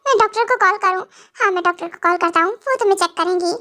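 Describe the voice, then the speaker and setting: Girl doing a worried fussy young husband, super high bright voice, amateur drama. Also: rapid-fire. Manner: fussy, anxious, repeats questions. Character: caring, flustered young husband. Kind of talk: amateur audio drama acting.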